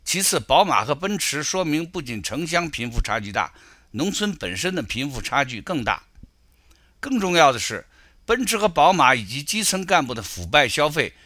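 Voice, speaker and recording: A man's voice: mid-range voice, pushed and bright, no echo, studio quality. A middle-aged man giving critical, argumentative spoken political commentary and telling stories to make his points.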